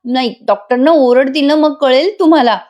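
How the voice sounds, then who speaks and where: A woman's voice: high-pitched, normal speed, a little mellow, highs cut off, pitched above the performer's own voice, lightly acted. A woman voicing a caring young wife who scolds and fusses over her injured husband, in a spoken serial recap. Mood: fussing, emotional.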